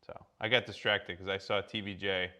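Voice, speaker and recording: A man's voice: deep voice, flat delivery, a little fast, sharp tone. A man walking viewers through a tech setup on a casual livestream, rambling with many restarts and filler words. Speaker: guest presenter.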